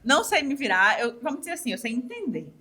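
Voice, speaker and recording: Very animated and fast-talking, this woman in her twenties has a high, sharp, slightly rough voice with a Ceará Brazilian Portuguese accent. As a podcast guest in a casual interview, she acts out quoted dialogue with lots of animation.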